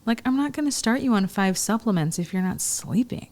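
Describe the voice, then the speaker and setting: A woman's voice: fairly high pitch, animated, a little fast, darkish tone. A woman who is a chiropractic physician, guesting on a casual podcast, chatty and emphatic, saying "like" a lot. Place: home room with a dog nearby.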